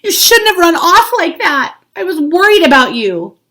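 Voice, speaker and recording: A woman voicing a stern, exasperated father in a read-aloud storybook, speaking loudly and emphatically. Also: very high-pitched, very animated, normal speed, pitched above the performer's own voice, heavily acted. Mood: worried, firm. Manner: loud, emphatic, scolding.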